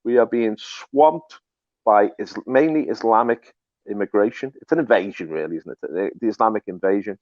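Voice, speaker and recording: A man's voice: moderate pace, darkish tone, dry recording. Fervent man, dull audio. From Liverpool, England. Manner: fervent, emphatic, rising to preaching pitch. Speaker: guest. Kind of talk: political interview.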